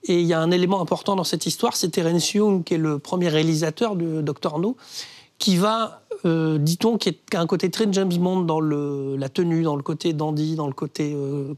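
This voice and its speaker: A man's voice: fairly high pitch, fairly even intonation, a little fast, a little mellow. A man talking through film history on a studio panel, hesitant, with many fillers and restarts. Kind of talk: casual studio discussion.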